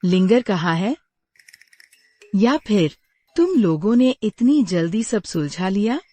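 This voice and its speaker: Young woman, dubbed drama, middle pitch, pointed, accusing. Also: lively intonation, slow pace, dark tone, dry recording, faint music behind.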